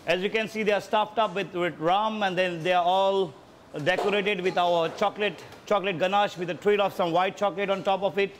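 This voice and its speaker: This man, an executive chef, shows off his ship galley kitchen in an easygoing way, repeating words as he thinks. His high-sitting voice holds a steady tone at a slightly fast pace, with a little background noise.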